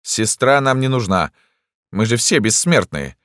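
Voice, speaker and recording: A man's voice: mid-range voice, big pitch swings, a little slow, fairly bright tone, no room sound, studio quality, voice pushed up. A man voicing a small, fussy, grey-bearded old doctor in an audiobook, petulant and absent-minded. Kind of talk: audiobook character voice.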